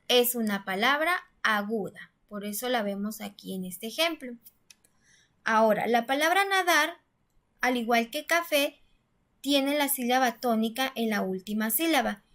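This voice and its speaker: A woman's voice: a little high, moderate pace, a bit bright. Patient woman teaching a lesson. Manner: patient, step-by-step explaining, stresses syllables aloud. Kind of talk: classroom-style grammar lesson.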